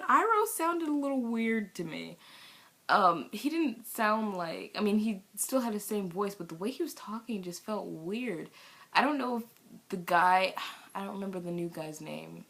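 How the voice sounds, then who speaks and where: Young woman, lowish voice, rambling fan review with lots of ums and gushing outbursts, recorded on a camera mic in her bedroom. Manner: rambling, gushing, with many ums and bursts of excited shouting. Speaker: video reviewer. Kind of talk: casual vlog review.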